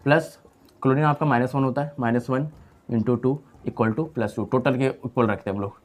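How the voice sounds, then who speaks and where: A man's voice: medium pitch, fairly even intonation, a little fast, a little mellow. A young man teaching a chemistry lesson in a casual style, repeating key terms and asking and answering his own questions. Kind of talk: online lecture.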